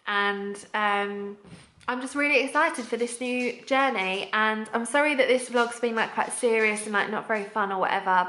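A young woman talking to her vlog camera in a chatty, excited and heartfelt way. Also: mid-range voice, roomy sound. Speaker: vlogger.

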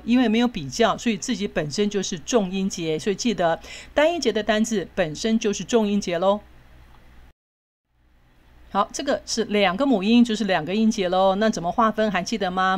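A woman with a Taiwanese Mandarin accent teaching English pronunciation, patient and repetitive, drawing out example words slowly. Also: medium pitch. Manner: patient, repeats words slowly, ends lines with "哦". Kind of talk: phonics lesson.

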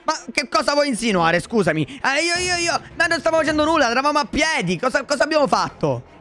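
A man in a Minecraft role-play, playing a father, talking in an excitable, flustered way full of exclamations. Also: very high voice, quick pace, soft background music.

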